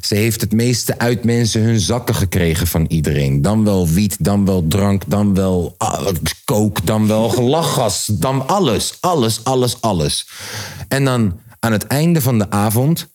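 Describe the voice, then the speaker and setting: A young man telling a party story to friends in casual chat, animated and slangy, acting out quotes and restarting his sentences. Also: fairly low pitch, measured pace.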